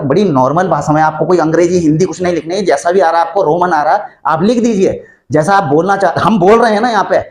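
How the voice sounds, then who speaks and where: A man hosting an online channel, explaining rules to viewers in a chatty, conversational way, often calling them friends. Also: high voice. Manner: chatty, addresses viewers as friends, frequent fillers and restarts. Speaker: YouTube channel host explaining army pension rules.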